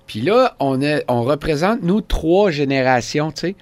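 A woman's voice: deep voice, animated, measured pace, a little mellow, dry recording. A woman in her fifties with a Québécois French accent, hosting a casual chat in a playful, teasing way and laughing often. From Quebec. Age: 50s. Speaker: host.

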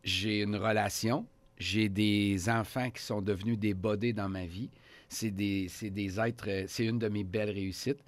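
A man in his fifties with a Québécois French accent hosts a casual talk show from a radio studio, his lowish voice unhurried and free of echo. He comes across animated and emphatic, cracking jokes as he chats.

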